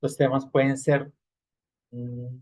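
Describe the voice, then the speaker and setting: A man's voice: mid-range voice, little pitch movement, slow pace, warm tone. A man teaching an online English class, explaining patiently and checking in with frequent tag questions.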